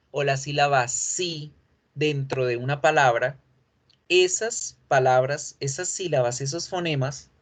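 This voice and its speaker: A male teacher giving a pronunciation lesson, patiently repeating each word several times as a drill. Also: on the high side. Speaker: English teacher.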